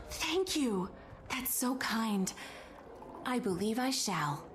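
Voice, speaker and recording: A woman's voice: fairly high pitch, sing-song, very slow, faint music behind, heavily acted. An actress playing a polite, genteel young woman in a video game, with prim manners. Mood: polite, curious.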